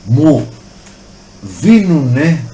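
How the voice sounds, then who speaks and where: A man with a Greek accent teaching a chemistry lesson, asking questions and then answering them himself, and drawing out key words slowly to stress them. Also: a little high, expressive, warm tone. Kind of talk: explanatory lesson, addressing the student directly.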